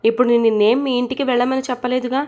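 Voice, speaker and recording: A woman's voice: on the high side, little pitch movement, rapid-fire, a little mellow, lo-fi sound, close to an everyday voice. A woman voicing a short-tempered young husband in a storybook reading, curt and scolding. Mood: angry.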